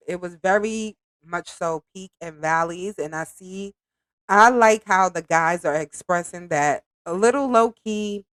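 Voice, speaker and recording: A woman hosts a podcast reacting to a reality show, giving casual commentary in animated, informal slang. Her low, smooth voice comes out slightly nasal because allergies have her congested. There's no echo.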